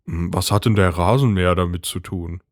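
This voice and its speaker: A man voicing a meek, confused middle-aged husband who speaks hesitantly and tries to calm things down. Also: low voice, fairly quick, no room sound, clean studio sound, close to an everyday voice. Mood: bewildered. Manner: hesitant, placating. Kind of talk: storybook reading.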